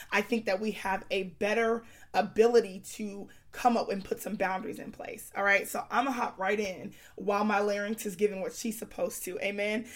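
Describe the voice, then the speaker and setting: A woman hosting a faith-based podcast in a folksy, chatty, girlfriend-to-girlfriend way, her voice strained as she recovers from illness. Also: mid-range voice. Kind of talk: casual conversational faith-based podcast talk.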